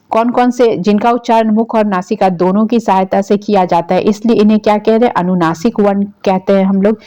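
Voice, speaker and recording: Female tutor, repeats terms, quizzes then answers herself, mid-pitched voice. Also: mellow. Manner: asks questions and answers them herself, repeating key terms. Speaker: Sanskrit grammar teacher. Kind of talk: exam-prep lecture.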